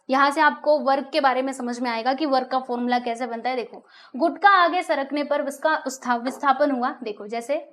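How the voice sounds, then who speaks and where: A woman with a high, light voice teaches a science lesson to schoolchildren. She keeps putting questions to the class and answering them herself, and she checks in often to make sure they follow. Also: fairly bright tone. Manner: addresses listeners as dear children.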